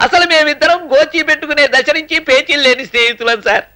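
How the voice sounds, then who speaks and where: A man's voice: very high voice, quick pace, pushed and bright. An actor playing a meek man who speaks politely and deferentially, with a Telugu accent, in a comic film scene. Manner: polite, deferential, calling the other "sir".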